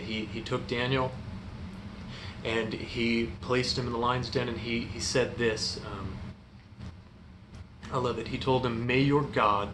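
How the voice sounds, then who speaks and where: A young man giving an informal youth group sermon in an earnest, halting, hesitant way. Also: mid-range voice. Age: young adult. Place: indoor room in front of a stone fireplace. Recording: echoey room, clear background noise.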